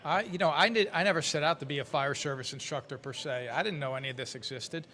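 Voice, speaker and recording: A man on a podcast as the guest, telling stories in an animated, laughing way. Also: fairly high pitch, fast. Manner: animated storyteller, laughs while telling anecdotes. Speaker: guest instructor. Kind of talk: casual podcast chat.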